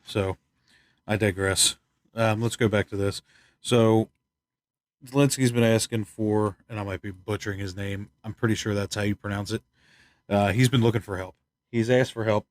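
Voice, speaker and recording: A man from the United States giving rambling, opinionated news commentary, tired and stuffed up, clearing his throat often. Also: fairly low pitch, fairly even intonation, normal speed, no echo, clean studio sound. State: congested, stuffed up. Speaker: channel host. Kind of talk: casual news commentary vlog.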